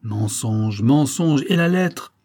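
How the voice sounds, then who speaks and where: A man voicing a jealous, furious Hungarian count who bursts out in sharp, accusing shouts. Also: fairly low pitch, unhurried, breathy edge.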